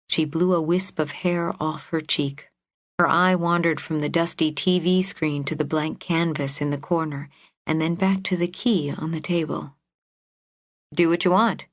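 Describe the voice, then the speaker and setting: Woman narrating an audiobook in a low voice. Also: dry recording, studio quality. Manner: even, measured storytelling. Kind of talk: scripted narration.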